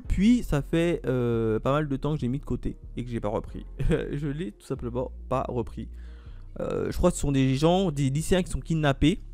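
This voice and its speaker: A man's voice: a little high, a little mellow. A man casually going through upcoming manga releases, thinking aloud with lots of fillers as he reads titles off a list. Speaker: manga YouTuber.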